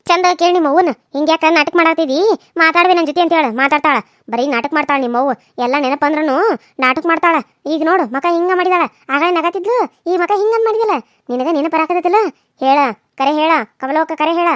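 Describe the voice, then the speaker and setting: Cartoon role: woman playing a scornful village woman, North Karnataka accent, loud mocking scold, dry sound. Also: very high voice, fast talker, dry recording. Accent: North Karnataka Kannada. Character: scheming village woman, sharp-tongued and scornful.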